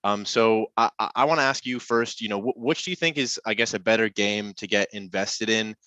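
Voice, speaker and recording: A man's voice: fairly low pitch, brisk, sharp tone, no echo, low-quality recording. A man hosting a casual podcast chat, rambling along with many fillers and restarts. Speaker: podcast host.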